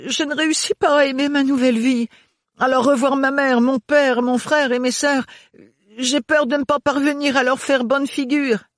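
A shy young woman in a storybook reading speaks in a high, anxious, hesitant voice, as a male reader puts her on. Her lines come close and dry, with no room around them. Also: fairly even intonation, normal speed, a bit bright, no room sound. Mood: nervous. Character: nervous young woman, shy and soft-spoken.

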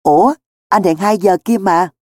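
A man's voice: high-pitched, normal speed, a little mellow, dry recording, studio quality, voice pushed up. A man doing a sweet, innocent schoolgirl. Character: bashful schoolgirl, polite and sweet.

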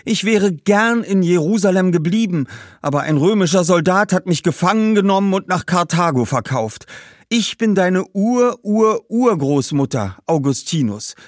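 A man's voice: sits high, expressive, moderate pace, no echo, clean studio sound, voice pushed up. A man voicing the ghost of a woman ancestor, a former slave, pleading in a raised put-on voice.

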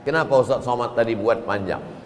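A man preaching a sermon, lively and breaking into chanted prayers now and then. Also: medium pitch, a little fast. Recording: long hall reverb.

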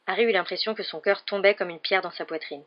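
A woman reading an audiobook in a steady, measured way, in a dull lo-fi recording. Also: mid-range voice. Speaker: audiobook reader. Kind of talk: audiobook narration.

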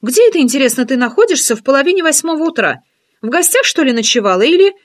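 A woman voicing a brash, talkative female friend who teases and scolds in a lively, bossy way, in an audiobook. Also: high-pitched, quick pace, pitched above the performer's own voice. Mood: nosy. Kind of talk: audiobook character voice.

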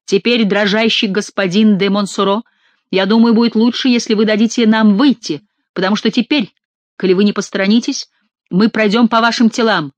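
A woman's voice: mid-range voice, fairly even intonation, fairly quick, dry recording, dull audio, natural voice. A woman voicing a hot-headed young nobleman swordsman in an audiobook, with a bold, defiant delivery.

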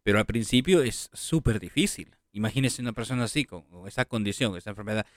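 Man, radio host, lowish voice, rambling delivery, dry close sound. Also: fast talker, no room sound. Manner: rambling, many fillers and restarts. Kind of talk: interview hosting. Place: online radio studio.

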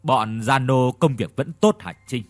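A man's voice: medium pitch, a little slow, soft background music, lightly acted. A man voicing a stern, imperious older mistress of a rich household who talks down to her servants in an audio story. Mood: commanding.

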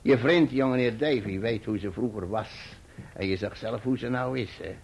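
A man playing a hearty gravelly old fisherman. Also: medium pitch, moderate pace, a little mellow, lo-fi sound, slight background noise, natural voice. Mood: jovial. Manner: jovial, rough, laughs often while telling. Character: older male fisherman, hearty and emotional. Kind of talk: radio play acting.

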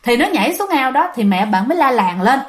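Woman ghost-story teller, high voice, chatty and dramatic. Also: very animated, fairly quick. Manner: chatty, dramatic, addresses listeners. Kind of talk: casual storytelling to listeners.

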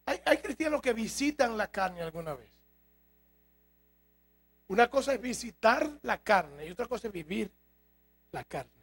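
A man's voice: high-pitched, big pitch swings, unhurried, long pauses, fairly bright tone. A man preaching a sermon to his congregation, emphatic and full of rhetorical questions. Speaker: pastor. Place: church.

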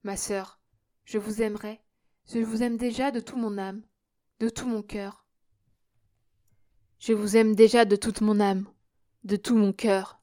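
A woman reading the part of a loyal, warm-hearted young male worker, speaking tenderly and earnestly. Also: mid-range voice, little pitch movement, measured pace, pauses often, natural voice. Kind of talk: audiobook character reading.

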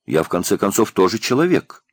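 A man's voice: on the low side, big pitch swings, brisk, no room sound, clean studio sound. A man reading the lines of a frustrated man from the past who is held indoors, speaking earnestly and pleadingly.

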